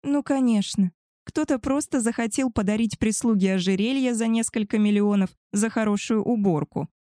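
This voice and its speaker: A woman's voice: medium pitch, moderate pace, mellow, no room sound, studio quality, natural voice. A woman voicing an arrogant, spoiled young she-wolf woman who talks down to others in a haughty, contemptuous way. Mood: sneering. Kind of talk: audiobook character voice.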